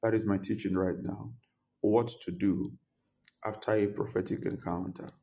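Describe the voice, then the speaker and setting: A man, speaking as a pastor in prayer and preaching, deliberate and given to fervent repetition. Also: lowish voice, steady tone, vocal fry, warm tone. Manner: fervent, repetitive praying and declaring. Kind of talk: prayer and sermon.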